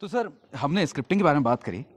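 A man's voice: fairly high pitch, animated, racing. A man hosting an interview, asking questions politely and often backing up the guest with short agreements. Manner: polite, frequent "जी" and "बिल्कुल" affirmations. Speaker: interview host.

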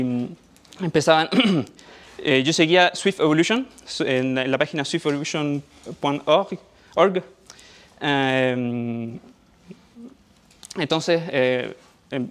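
A young Chilean man with a Chilean Spanish accent and a somewhat high, slightly bright voice gives a tech conference talk on a dark auditorium stage. He's hesitant, full of fillers and restarts.

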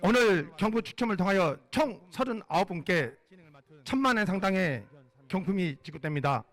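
A man's voice: sits high, lively intonation, normal speed, a bit bright. A man hosting a live prize draw, speaking in a formal, polite event-announcer style.

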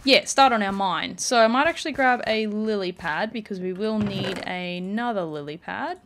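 Woman, gaming channel host, casual chatty play-along, mid-pitched voice, faint keyboard clicks behind. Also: normal speed, a bit bright, a little hiss or hum. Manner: chatty, rambling, many "like" and "um" fillers. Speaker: gaming YouTuber. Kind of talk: casual let's play commentary.

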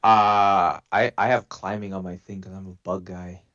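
A man with a fairly low voice plays in a casual tabletop game. He talks in a joking, goofy way. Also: little pitch movement, normal speed, a bit bright, dull audio. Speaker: player.

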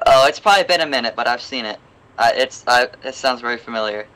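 Over clearly noisy voice chat, a young man talks as a flight leader in a simulator. He speaks quickly, with short, calm call-outs and casual asides in a mid-range voice. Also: mid-range voice. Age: young adult. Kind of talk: radio calls and casual chat.

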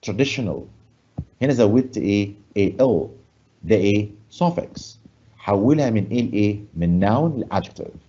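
In a studio, a man with an Egyptian Arabic accent teaches an English lesson on grammar and pronunciation, posing questions to the class and answering them himself. He stresses English words slowly and loudly. His voice is fairly low and slightly rough, and the recording sounds muffled.

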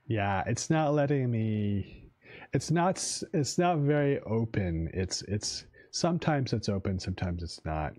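A man's voice: fairly low pitch, animated, a little slow, a little mellow. A man streaming a card game, casually commenting and reading the game's text aloud as he muses. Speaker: game streamer and English teacher.

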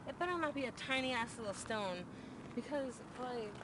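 A young woman with a lively, swooping voice chats and curses casually with a friend outdoors. She laughs easily and sounds animated and playful. The handheld camera mic catches heavy outdoor noise around her slightly high voice. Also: moderate pace. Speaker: friend on the trip. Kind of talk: casual chat while exploring. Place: outdoors, brushy desert lot.

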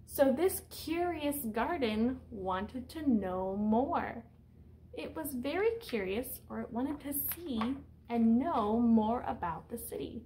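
Poor audio with some hiss or hum captures a woman in her thirties slowly reading a picture book in a small room. Her fairly high voice is mellow and expressive as she teaches young children, keeping explanations simple and instructive and asking them questions.

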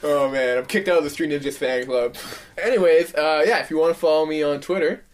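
A man's voice: a little high, fairly quick. A man guesting on a comedy podcast, joking in a self-deprecating way. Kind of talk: casual comedy podcast chat.

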